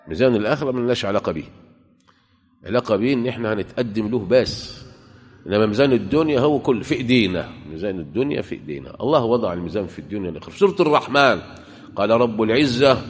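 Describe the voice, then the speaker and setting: Man, Egyptian Arabic accent, preacher, emphatic sermon, rhetorical questions, fairly low voice, long hall reverb.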